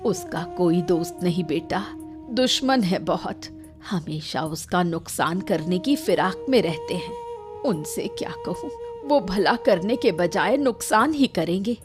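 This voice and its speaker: A woman's voice: lowish voice, very animated, measured pace, music in the background. A woman voicing a worried, pleading elderly mother in a cartoon story. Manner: pleading, tearful. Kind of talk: cartoon voice acting.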